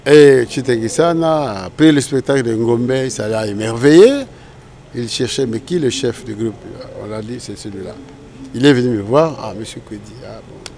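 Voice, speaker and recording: A man's voice: medium pitch, moderate pace, a little mellow, a little hiss or hum. An older man from Congo, a guest in an interview, telling his story in a rambling way and often correcting himself. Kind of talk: casual interview recollection.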